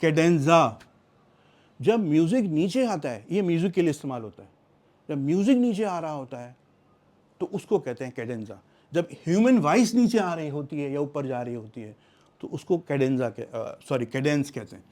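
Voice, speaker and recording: A middle-aged man explaining English vocabulary in a lesson, reading English example sentences slowly and deliberately. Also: on the high side, expressive, darkish tone.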